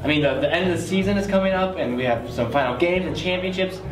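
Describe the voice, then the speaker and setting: An awkward, halting boyfriend, acted by a man, apologetic yet firm. His voice is on the higher side in this skit, roomy, with music behind it. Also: close to an everyday voice.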